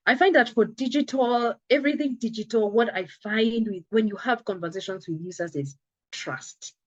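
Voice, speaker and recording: Her voice a little high and slightly scratchy as a cold comes on, a woman who founded a telehealth company gives an earnest, emphatic conversational interview. She keeps a moderate pace and acts out small dialogues; the recording is dry and muffled.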